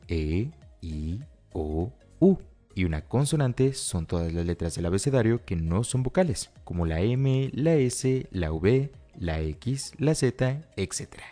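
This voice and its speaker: A man explaining grammar rules step by step as a teacher, reading example phrases slowly and carefully. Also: medium pitch, sing-song. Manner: explains step by step, often repeating "si observaste bien" and "por lo tanto". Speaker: English teacher. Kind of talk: scripted Spanish-language grammar lesson. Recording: soft music underneath.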